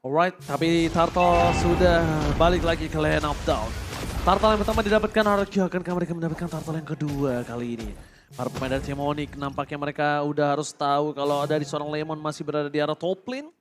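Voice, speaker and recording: An Indonesian man shoutcasting an esports match play-by-play like an excitable fighting game announcer, over noisy live event sound. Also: on the high side, quick pace.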